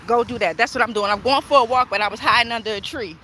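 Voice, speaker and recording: A spiritual tarot reader livestreams from her phone as she walks near traffic, talking at a quick pace in a slightly high voice. Her style is informal, with repeated phrases and check-ins with followers, over outdoor street noise.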